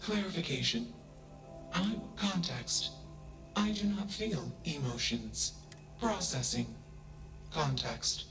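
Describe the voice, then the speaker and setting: A man voicing an emotionless male AI that speaks in flat, clipped keywords, in video game dialogue with an echo and music underneath. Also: on the high side, slow, pauses often. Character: emotionless male AI mind, cold and literal. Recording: echoey game audio over music.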